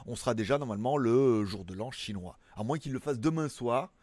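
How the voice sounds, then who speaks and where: A tech news YouTuber chats casually to camera from his home in Thailand, his medium-pitched, darkish voice moving briskly with lively intonation. He rambles, pokes fun at himself, and leans heavily on filler words.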